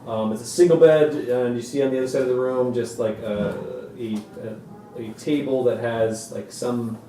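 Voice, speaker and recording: A man narrating a tabletop game as game master, describing scenes in halting, filler-heavy improvised speech. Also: medium pitch, fairly even intonation, mellow, echoey room, distant mic, slight background noise.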